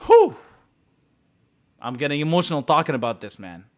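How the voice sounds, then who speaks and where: A young man from the Middle East giving a passionate live motivational talk to his audience, repeating phrases and swinging from loud bursts to hushed, quiet lines. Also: on the high side, wildly swooping pitch, moderate pace. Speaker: motivational speaker.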